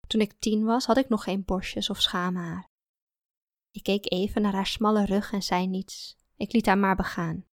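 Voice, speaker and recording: A woman's voice: medium pitch, fairly even intonation, moderate pace, no echo, studio quality. A woman reading a first-person story aloud in a confiding, introspective manner. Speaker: audiobook narrator. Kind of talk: first-person scripted narration.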